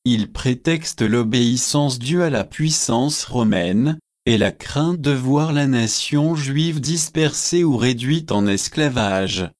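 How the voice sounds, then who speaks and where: A man narrates an old religious history in an unhurried, deliberate cadence. His voice sits at an ordinary middle pitch, and he gives each clause its own space. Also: animated. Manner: slow, measured, solemn reading. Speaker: audiobook reader. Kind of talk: scripted narration of a religious book.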